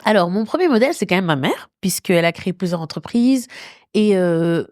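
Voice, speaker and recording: A woman in her thirties from Belgium, a guest entrepreneur talking casually in an interview, animated, laughing often and slipping English phrases into her speech. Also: lowish voice, brisk, dry recording, clean studio sound. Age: 30s.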